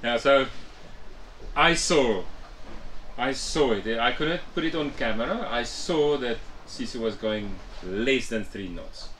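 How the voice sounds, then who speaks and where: Man, sailing vlogger, slow and easygoing, a little tired, handheld camera on deck. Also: mid-range voice, a little hiss or hum. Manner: relaxed, laughing, stop-start. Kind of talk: casual chat to camera. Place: on a sailing catamaran at sea.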